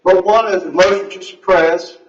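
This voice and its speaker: A man's voice: high-pitched, steady tone, normal speed, muffled recording. Echoey, distant American man arguing in court. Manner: insistent, fumbling, repeats himself, colloquial. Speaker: defendant. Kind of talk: spontaneous argument in court.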